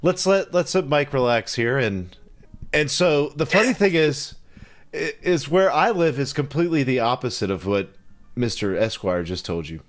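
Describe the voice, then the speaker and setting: A man hosting a casual podcast conversation, chatty and relaxed. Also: medium pitch, normal speed. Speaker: podcast host. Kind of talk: casual chat.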